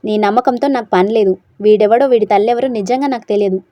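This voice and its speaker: A woman's voice: mid-range voice, fast, no room sound, lightly acted. A woman reading a story aloud, voicing a bewildered, hot-tempered young husband who snaps defensively. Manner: sharp, defensive.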